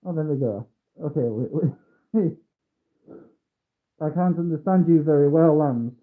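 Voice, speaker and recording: A man's voice: on the high side, measured pace. A man livestreaming while building a kit, his voice muffled as though through a mask or a wall, mumbling and humming to himself. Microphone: phone mic. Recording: tinny muffled phone audio.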